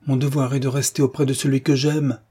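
A man's voice: mid-range voice, flat delivery, brisk, warm tone, breathy edge, voice pushed up, natural voice. Coralie, a tender young woman, read by a man. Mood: tender resolve. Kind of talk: audiobook dialogue reading.

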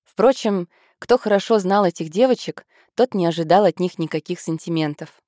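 A woman narrating a novel in a measured, even storytelling manner, close to the mic. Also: on the low side, dry recording. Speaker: audiobook narrator. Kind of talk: scripted narration.

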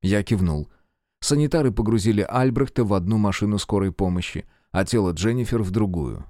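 A man narrating an audiobook with steady, measured storytelling. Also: lowish voice, no echo, clean studio sound. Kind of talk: scripted narration.

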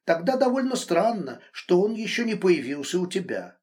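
A man's voice: big pitch swings, moderate pace. A man voicing a furious, controlling middle-aged married man in an audiobook, hurling accusations and hissing threats. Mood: curt. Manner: shouting accusations, then hissing low threats. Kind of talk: audiobook reading.

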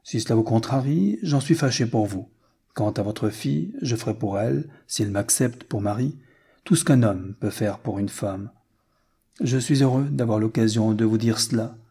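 A man's voice: on the low side, moderate pace, gravelly, mellow, slightly rough. A man reading the lines of a frank, determined rich American, blunt and earnest.

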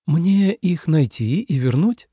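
A man reading an audiobook voices a young female celestial fox healer who speaks gently and apologetically. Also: fairly high pitch, expressive, slow pace, breathy edge, no echo, clean studio sound, voice pushed up, exaggerated voice. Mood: gentle.

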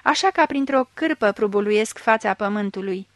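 A woman's voice: mid-range voice, lively intonation, no echo, clean studio sound, natural voice. A woman reading the part of a desperate blind old man who begs and cries out in anguish. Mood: fervent.

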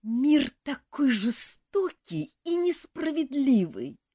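A woman's voice: sits high, animated, drawn-out words, warm tone, dry recording, studio quality, voice pushed up, full character voice. A woman voicing a melodramatic young male elf with a cold, whimpering, sniffling and wailing about his pain. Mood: whining. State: stuffy nose from a cold. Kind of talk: audiobook character voice.

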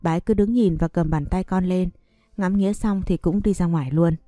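A woman narrating a first-person family story and reading every role in an even, unhurried way. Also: on the low side, dry recording, studio quality, faint music behind.

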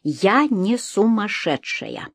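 A woman's voice: medium pitch, sing-song, slow pace, slightly rough, dry recording, heavily acted. Audiobook heroine: a frightened defiant young wife, voiced by a woman, pleading, dry close read. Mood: desperate. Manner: shouting, pleading.

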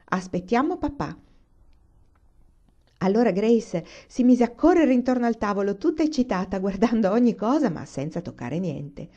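A woman reading a children's novel aloud in a calm, unhurried storytelling manner. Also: fairly high pitch, muffled recording. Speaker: reader.

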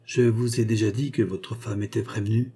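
A soft-spoken, mysterious young woman tending a wounded man, as a male narrator puts her on, low and husky in tone. She speaks tenderly and discreetly, keeping her secrets in a dark, mellow voice. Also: little pitch movement, normal speed. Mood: gentle.

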